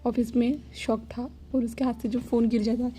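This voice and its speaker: A woman's voice: on the high side, level tone, brisk, mellow. A woman casually retelling a fanfiction story, rambling along with frequent fillers.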